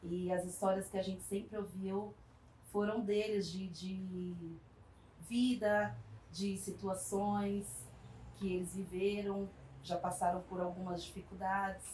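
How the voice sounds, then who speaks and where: Telling her life story in an interview, a community project worker from São Paulo, Brazil, in her 40s, speaks with a medium pitch and flat delivery. Her storytelling is warm and reflective, full of pauses, small hesitations and tag questions, and the recording has an echoey room, distant mic and faint background noise.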